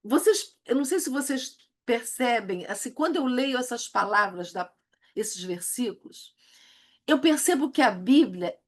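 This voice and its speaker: High-voiced Brazilian woman teaching slowly. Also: a bit bright. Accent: Brazilian Portuguese. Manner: emphatic, acts out quoted lines. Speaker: Bible teacher. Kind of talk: recorded church video lesson.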